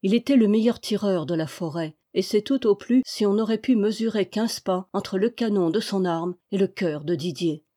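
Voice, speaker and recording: A woman reading a novel aloud with steady, expressive narration. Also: medium pitch, moderate pace, few pauses. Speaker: audiobook reader.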